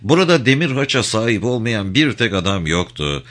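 A man narrating an audiobook with an expressive reading. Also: fairly low pitch, a little fast.

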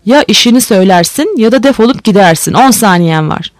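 Reader voicing an old seadog, blunt, hot-tempered, loud, dry sound. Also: medium pitch, animated, fairly quick, no room sound, natural voice. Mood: gruff. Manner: shouting, gruff and blunt. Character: old British male sailor, defiant and hot-tempered.

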